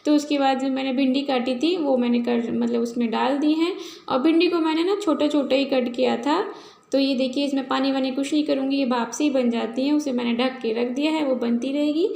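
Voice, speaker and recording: Chatty woman, high voice, casual home vlog, echoey kitchen. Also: fairly even intonation, a little fast, gravelly, a little mellow. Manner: chatty, rambling, talks while cooking. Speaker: vlogger.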